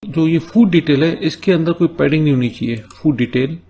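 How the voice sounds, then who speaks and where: With a mellow, fairly high voice that has a breathy edge, a man teaches coding in a screen-recorded tutorial. He explains each step in Hindi, often adding "है ना?", and reads the English task notes slowly between explanations.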